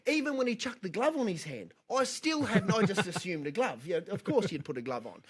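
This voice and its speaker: A young Australian man telling a story on a podcast, animated, laughing and swearing as he goes. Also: sits high, a little fast, husky. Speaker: podcast co-host. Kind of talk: casual storytelling chat.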